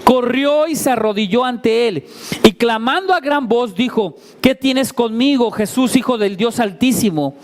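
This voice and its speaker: A man's voice: very high voice, measured pace. A man preaching a sermon to a congregation, retelling scripture vividly and putting questions to his listeners. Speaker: pastor. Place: church service before a congregation.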